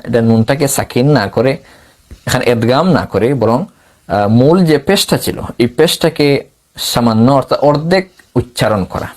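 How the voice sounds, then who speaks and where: A man teaching recitation, explaining patiently step by step, repeating himself and pausing on hesitant fillers. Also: medium pitch.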